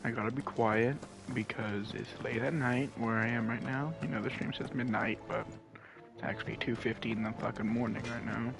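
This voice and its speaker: A man's voice: medium pitch, fairly even intonation, moderate pace, gravelly. A man streaming a game late at night at home, talking in a laid-back, rambling, profane way close to the mic. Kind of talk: casual live game commentary. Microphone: close desk mic. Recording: mic with game music behind.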